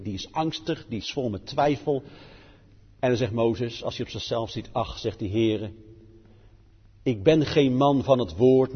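Husky fervent male preacher in reverb. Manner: fervent, rising to emphatic declarations then dropping low and quiet. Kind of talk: sermon. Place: church. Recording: dull lo-fi sound with long church reverb.

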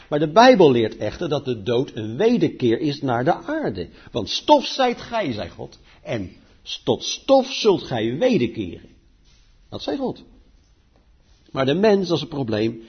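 A man preaching a sermon, declaiming scripture loudly and then dropping to quiet asides. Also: mid-range voice, slightly rough. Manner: emphatic, swings between loud declaiming and quiet asides. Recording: dull lo-fi recording.

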